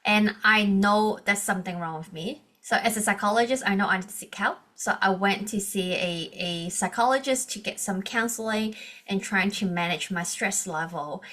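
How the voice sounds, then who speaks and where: Speaking as a podcast guest over video, a Hong Kong-born leadership coach in her 30s, a native Cantonese speaker, earnestly recounts her life in accented English. Her voice is mid-range and fairly bright at a normal speed, and she keeps restarting her sentences.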